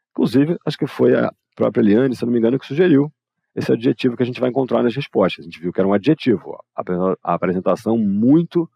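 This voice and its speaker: A Brazilian man with a low, gravelly voice leads an online English lesson. He explains casually and addresses his students directly. His tone is dark and husky, recorded close and dry. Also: no room sound. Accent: Brazilian Portuguese. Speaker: English teacher. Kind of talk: live online grammar lesson.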